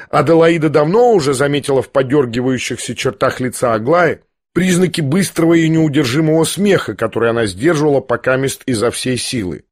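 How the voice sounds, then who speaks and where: A man narrating a classic novel aloud in a measured, even reading. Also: a little high. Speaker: audiobook narrator.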